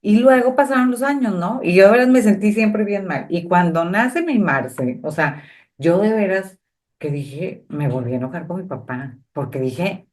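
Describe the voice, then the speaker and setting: A middle-aged woman, co-hosting a podcast and telling personal stories in a lively way, often asking "you know?". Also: fairly low pitch, moderate pace. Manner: animated personal storytelling, frequent "o sea" and "¿sabes?" tags. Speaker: podcast co-host. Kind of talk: casual conversation.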